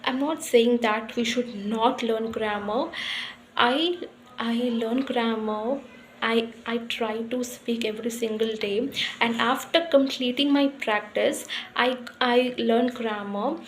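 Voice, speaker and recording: A young woman with an Indian accent speaks slowly and earnestly, restarting phrases as she explains simple steps for learning English. Her voice sits a little high, and there is a faint hiss behind it. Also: poor audio. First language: Hindi. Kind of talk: casual spoken lesson.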